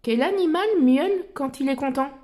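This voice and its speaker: A woman voicing a cheerful young explorer girl in a children's storybook reading, asking bright quiz questions. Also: high-pitched, moderate pace, lightly acted. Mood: cheerful, questioning.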